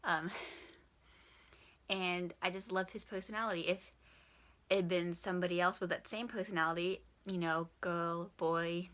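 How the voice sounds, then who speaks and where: Bright-voiced young woman saying w for r. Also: on the low side. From Washington State, USA. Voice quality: speech impediment, says w for r. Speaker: vlogger. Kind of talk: casual question-and-answer vlog to camera.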